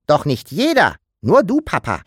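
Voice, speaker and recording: For an audiobook, a man voices a cheeky, mischievous childlike creature, speaking in a bouncy, teasing manner at normal speed. He pitches fairly high, above his own natural voice, with huge pitch swings and an exaggerated, fairly bright, breathy-edged sound, recorded clean in a studio with no room sound.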